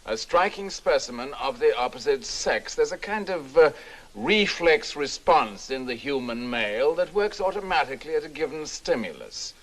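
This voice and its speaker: A wry, urbane American scholar. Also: male voice, fairly high pitch, lively intonation, normal speed. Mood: lecturing. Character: suave middle-aged American scholar host, wry. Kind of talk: 1960s film acting.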